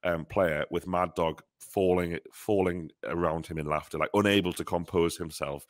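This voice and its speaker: A man co-hosting a fan podcast in casual, animated chat, joking and swearing now and then. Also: sits low, normal speed, dry recording, studio quality. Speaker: podcast co-host.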